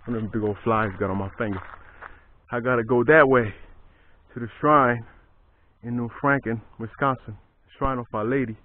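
A man on a pilgrimage walk, vlogging casually outdoors and in his tent, relaxed and prayerful, often tacking "man" onto his sentences. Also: mid-range voice, moderate pace. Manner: laid-back, prayerful, says "man" a lot. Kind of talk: casual walking vlog. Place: outdoors, walking roads and camping in a tent. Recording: tinny lo-fi camera audio with faint outdoor noise.

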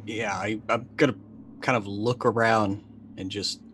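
Casual improvised game play: a middle-aged man in a role-playing game muses aloud over his character's next move. His fairly low voice is steady in tone, unhurried and a bit bright. There is a little hiss or hum, plus faint background music.

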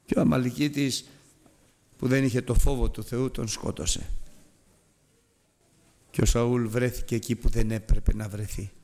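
Male pastor in a mid-range voice, delivering a sermon with theatrical highs and lows while exhorting his flock. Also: steady tone, gravelly, pauses often, mellow. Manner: dramatic retelling of scripture with big rises and drops in pitch; addresses the congregation directly and urges them. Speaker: preacher.

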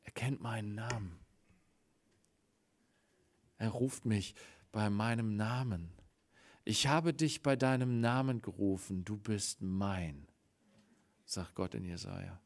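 A man preaching a Sunday sermon in a church, swinging between loud exclamations and hushed, quiet passages, and acting out the voices of the story he tells. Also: lowish voice, slow, pauses often. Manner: acts out quoted voices in the story.

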